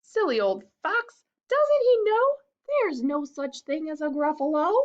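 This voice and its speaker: Woman doing a squeaky little mouse. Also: measured pace, muffled recording. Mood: smug. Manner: squeaky, excited. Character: brave clever little mouse.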